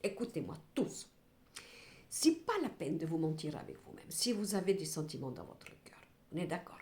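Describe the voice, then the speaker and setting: A woman clairvoyant reads cards for her viewers, with a lively pitch that rises and falls widely. She talks expressively and breaks into exasperated, comic asides. The recording has a noticeable room echo. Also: normal speed. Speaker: clairvoyant card reader. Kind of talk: card reading addressed to viewers. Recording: roomy echo.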